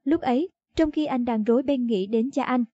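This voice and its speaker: A woman reading a short story aloud in a steady storytelling narration. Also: sits high, normal speed. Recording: dull lo-fi dry audio.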